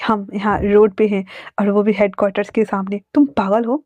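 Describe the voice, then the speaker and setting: A woman voicing a young male doctor who is frightened and flustered, speaking in a rushed, panicky way. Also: medium pitch, flat delivery, a little mellow, no room sound, natural voice. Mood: scolding. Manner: panicky, breathless scolding. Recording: dry, dull lo-fi sound.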